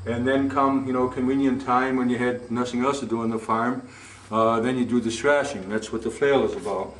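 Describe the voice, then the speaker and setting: Picked up by a handheld camera's built-in mic, this rough recording with slight hiss or hum features an older museum guide touring an old wooden barn. He explains the farm tools in a fairly quick, mid-range, fairly bright voice with fairly even intonation, rambling folksily and sprinkling in "you know" and "okay?".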